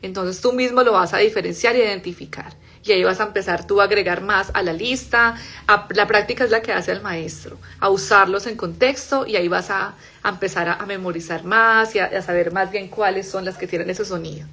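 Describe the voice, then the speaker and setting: At a medium pitch, this young Spanish speaker leads a live class on how to pronounce English, explaining in Spanish while slowly and softly voicing the words.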